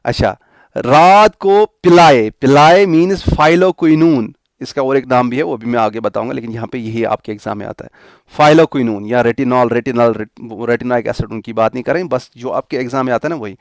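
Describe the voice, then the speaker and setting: A man's voice: mid-range voice, no room sound, studio quality. A young male teacher coaching students for exams, who repeats and spells out memory tricks step by step. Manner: repeats mnemonics slowly, spelling letters out. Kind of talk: exam coaching lecture.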